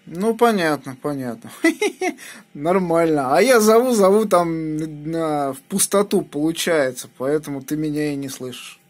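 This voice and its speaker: A male amateur radio operator chats casually on air, trading call signs, his voice a little high with big pitch swings and a slightly slow pace. He's in a small indoor room at a home radio station, captured on a phone held near the radio.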